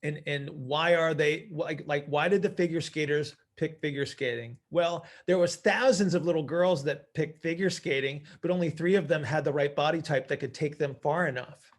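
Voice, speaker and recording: A man with a somewhat high voice leads an informal group call as a coach, speaking at a moderate pace with almost no pauses. He teaches emphatically, posing questions and answering them himself, and often checks in with "right?".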